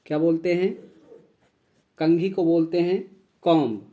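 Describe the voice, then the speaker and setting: Slow man teaching vocabulary. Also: fairly high pitch, fairly even intonation, dark tone. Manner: slow, repeats each word and spells it out. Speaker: English teacher. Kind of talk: vocabulary lesson.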